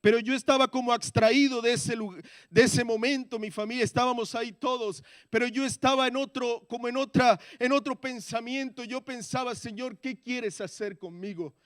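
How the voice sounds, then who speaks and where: A man giving a testimony in a church sermon, moving between quiet, hushed prayer and loud, impassioned pleas. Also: extremely high pitch, steady tone, moderate pace, no room sound, studio quality.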